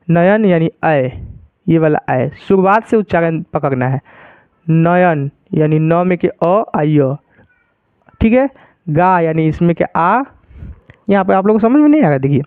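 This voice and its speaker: Slow, high-voiced man teaching grammar. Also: smooth, no echo. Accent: Hindi. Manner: explains slowly, repeating each example with questions. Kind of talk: grammar lesson. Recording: tinny phone-like sound.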